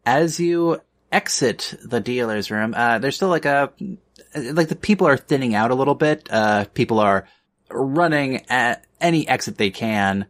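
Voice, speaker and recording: A man's voice: medium pitch, animated, measured pace. A man narrating as game master of a tabletop game, loose and full of fillers, laughing often.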